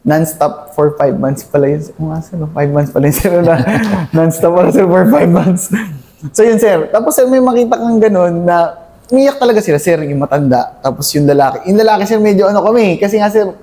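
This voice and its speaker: A man's voice: high-pitched, lively intonation, brisk, mellow, slight background noise. A young Filipino army captain being interviewed, recounting his service in a deferential, hesitant way and calling the interviewer "sir" in nearly every line. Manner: deferential, says "sir" constantly, hesitant with many fillers.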